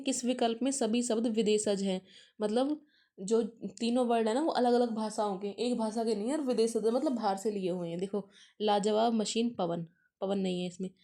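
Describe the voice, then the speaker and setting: A woman's voice: on the high side, warm tone. A young woman teacher working through exam questions one by one and explaining each answer step by step. She mixes English words into her talk and calls her viewers friends. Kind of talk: solving exam questions aloud.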